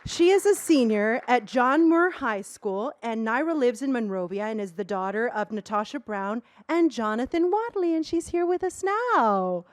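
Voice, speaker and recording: A woman emcee hosts an event with an upbeat, enthusiastic delivery and rallies the audience to applaud. Her voice is high and swings widely in pitch. The sound is dry, with a faint crowd behind her. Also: lively intonation, normal speed, hardly any pauses, no echo. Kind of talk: event hosting.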